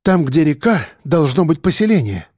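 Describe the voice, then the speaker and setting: A firm, decisive woman geologist, as a male audiobook narrator puts her on. The voice is darkly mellow and close, with a dry sound and no room around it. She talks in short, resolute phrases. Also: fairly high pitch, very animated, normal speed, dry recording. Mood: determined.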